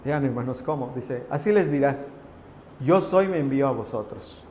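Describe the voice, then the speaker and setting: A man's voice: medium pitch, lively intonation, moderate pace, a little mellow, a little hiss or hum. A man preaching a sermon as a pastor, building emphasis on key phrases and addressing the congregation directly. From Mexico. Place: church hall. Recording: long reverb in a large hall.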